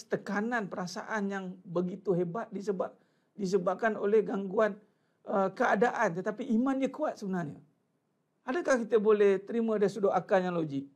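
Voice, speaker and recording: A man with a Malaysian Malay accent giving a spoken religious lecture, asking the audience rhetorical questions and chanting Arabic verses. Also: sits high. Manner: animated, addresses audience as "tuan-tuan", rhetorical questions. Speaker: religious teacher.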